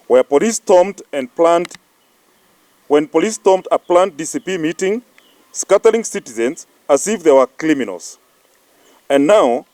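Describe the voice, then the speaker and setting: Male party spokesman, Kenyan accent, raised pitch, very dry sound, declamatory press-statement read with stumbles. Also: darkish tone, no echo. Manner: halting delivery, stumbling over words. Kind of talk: reading a political press statement.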